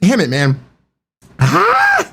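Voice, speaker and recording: A man's voice: very high-pitched, wildly swooping pitch, extremely slow, creaky, noisy background. A man live streaming, teary and sniffling from spicy food, reacting with short swearing exclamations and groans.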